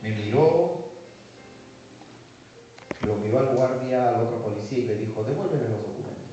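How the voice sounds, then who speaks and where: A man's voice: mid-range voice, a little slow, music in the background. A Peruvian man, a pastor, telling a story in a sermon and acting out every voice in it. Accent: Peruvian Spanish. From Peru. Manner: animated storytelling, acts out dialogue. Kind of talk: sermon testimony. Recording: echoey hall, distant mic, dull sound.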